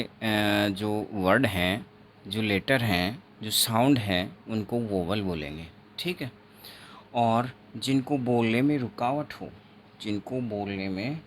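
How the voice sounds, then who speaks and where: A man teaching an exam-prep phonetics lesson, explaining slowly and repeating himself, writing on a board as he talks, with Indian English words. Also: on the low side, fairly bright tone, a little hiss or hum. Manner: slow, repetitive teaching with frequent checks; writes on a board while talking.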